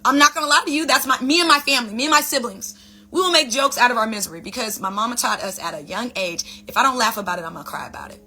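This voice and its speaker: Speaking fast in a fairly high, bright and forceful voice, a woman hosting her own vlog delivers casual, expressive motivation to camera as a wellness speaker. She calls her viewers "you guys" and "baby" and repeats phrases to drive points home.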